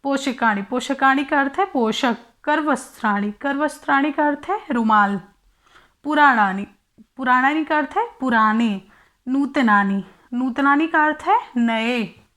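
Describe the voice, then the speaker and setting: A woman with a high, light voice walks slowly through a Sanskrit lesson, reciting word forms one by one. She talks at an unhurried pace, asks questions aloud and answers them herself, in a patient classroom manner. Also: animated, a bit bright. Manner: methodical, recites word forms one by one and explains each in Hindi. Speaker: Sanskrit teacher. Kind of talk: exam-prep textbook lesson.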